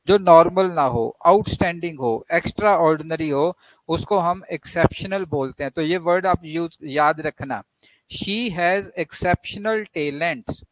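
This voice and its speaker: A man with an Indian accent teaching an online English vocabulary lesson, explaining slowly and repeating words for drill. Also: a little high, no room sound, low-quality recording.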